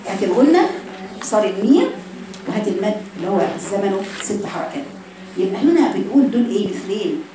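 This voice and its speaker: A woman with an Egyptian accent teaching Quran recitation to a class of students, quizzing them with rhetorical questions and modelling slow recitations. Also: mid-range voice, expressive, background noise. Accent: Egyptian Arabic. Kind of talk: classroom lesson. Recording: very echoey room from far off. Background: students present.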